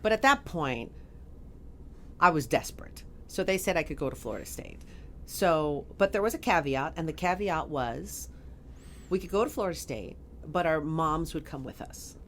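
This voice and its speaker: Low-voiced middle-aged lady telling a funny story on a podcast, animated, faint hiss behind. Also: normal speed. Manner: animated, laughing, acts out quoted voices. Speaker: guest. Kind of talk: casual storytelling in a podcast interview.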